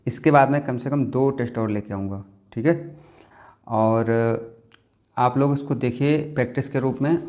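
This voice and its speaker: A man's voice: medium pitch, a little mellow. A man teaching spelling and grammar for a Hindi exam, explaining step by step and often asking rhetorical questions. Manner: explanatory, repeats rhetorical questions and "theek hai". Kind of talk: exam-prep lesson.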